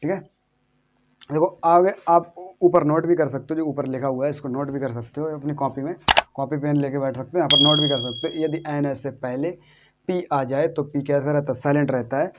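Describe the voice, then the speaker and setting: A man's voice: fairly high pitch, steady tone, brisk, background noise. A man giving a lesson. He repeats himself, asks the viewers questions and answers them himself, and spells out words letter by letter. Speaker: English teacher. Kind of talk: classroom-style lesson.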